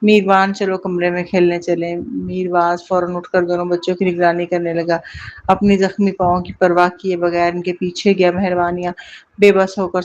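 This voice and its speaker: An audiobook narrator reading a novel episode in a steady, unhurried way. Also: medium pitch. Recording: dull lo-fi recording.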